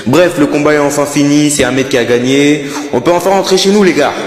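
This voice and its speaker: A man's voice: fairly high pitch, a little fast. A young man playing a mock boxing commentator in slangy, mocking street talk. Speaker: comedy sketch actor. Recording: echoey room, music behind.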